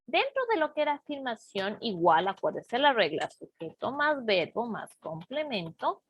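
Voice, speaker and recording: A woman teaching an English class, explaining grammar slowly and patiently and checking often that students follow. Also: on the high side, sing-song, breathy edge, dry recording, dull audio. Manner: slow, patient explaining with frequent check-ins. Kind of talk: online class lesson.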